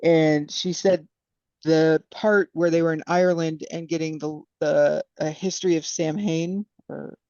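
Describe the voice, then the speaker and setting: Woman, mellow voice, slightly dull dry sound, hesitant chatty podcast talk. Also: sits low, level tone, moderate pace, no room sound. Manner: hesitant, lots of fillers and "you know". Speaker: podcast panelist. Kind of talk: casual book discussion.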